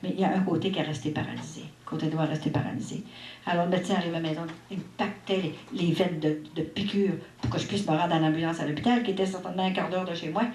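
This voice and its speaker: Quebecois lady in her 60s telling a faith testimony, lively and expressive, echoey hall w faint noise. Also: on the low side, fast talker. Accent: Québécois French. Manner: lively, expressive storytelling with asides and laughter. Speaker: testimony giver at a religious mission. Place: church hall at a religious gathering.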